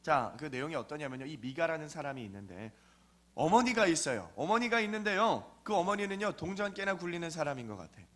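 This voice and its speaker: A man's voice: a little high, sing-song, fast, fairly bright tone. A man preaching a sermon in a conversational storytelling way, often asking his listeners questions. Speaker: pastor.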